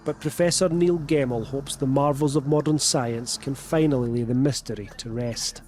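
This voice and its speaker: A man's voice: medium pitch, fairly even intonation, moderate pace, a little mellow. A man reading scripted narration for a news feature as its reporter.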